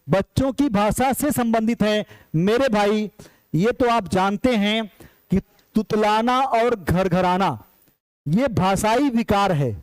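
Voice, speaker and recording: A man's voice: high voice, dry recording, poor audio. A man teaching an exam-prep lecture, emphatic and repetitive, calling his viewers brothers as he drills key points. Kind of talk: online lecture.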